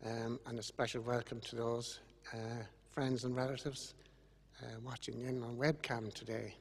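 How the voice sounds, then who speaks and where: An older man with an Irish accent gives a funeral eulogy in a solemn, measured way, with grieving gratitude. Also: medium pitch, little pitch movement, slightly rough. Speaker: eulogist speaking about his late brother. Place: large church, over a microphone to congregation and webcam. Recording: echoey church with long reverb.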